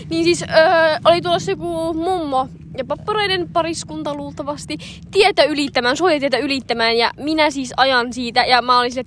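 A young woman co-hosting a casual chat, telling animated anecdotes with frequent laughter and fillers. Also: sits high, a little hiss or hum. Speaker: co-host.

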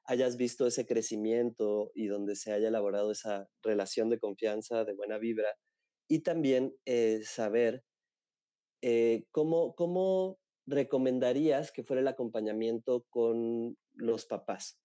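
A man's voice: mid-range voice, unhurried, warm tone, no echo. A man with a Mexican accent interviewing, asking long questions full of fillers and restarts. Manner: hesitant questions with many fillers.

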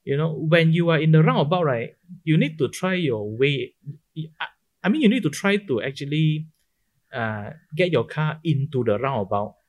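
A man's voice: on the high side, animated, moderate pace. Singaporean man chatting in colloquial Singlish. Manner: colloquial Singlish with sentence particles. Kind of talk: casual chat, opinionated banter.

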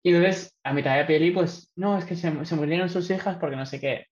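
A man's voice: fairly high pitch, fairly quick. A man from chatting casually about a film, meandering and hedging in a laid-back way. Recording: echoey, dull lo-fi sound.

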